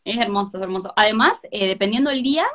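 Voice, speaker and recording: A woman's voice: mid-range voice, lively intonation, fast talker, fairly bright tone. A woman in her thirties with an Argentine accent, interviewing in an informal, enthusiastic way over a video call. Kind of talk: casual interview chat. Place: indoors in a room, on a video call.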